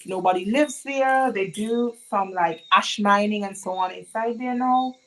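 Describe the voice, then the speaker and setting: On a rough recording, a young woman with a Montserratian accent speaks in a mid-range, fairly bright voice at a slightly slow pace. She's live-streaming her sewing, chatty with viewers and asking the chat many questions.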